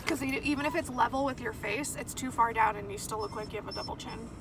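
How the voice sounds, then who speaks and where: A woman's voice: fairly high pitch, fast talker. A woman chatting casually and bluntly with her mouth full, vlogging on a phone in a car. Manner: blunt, sweary, sarcastic. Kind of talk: casual chat. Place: inside a parked car. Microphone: hand-held phone. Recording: distant phone audio with clear background noise.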